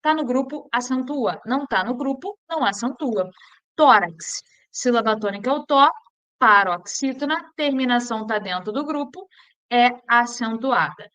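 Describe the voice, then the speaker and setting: A woman teacher with a Brazilian accent giving an exam-prep grammar lesson. She drills students with repeated questions and slows down to spell out each rule. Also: on the high side, expressive, fairly bright tone, highs cut off. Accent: Brazilian Portuguese.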